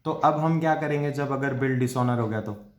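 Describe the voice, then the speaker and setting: In an echoey room, a male commerce tutor with a middle-pitched voice teaches a Hinglish classroom lecture step by step. He poses questions and answers them himself, slowing right down to read definitions aloud.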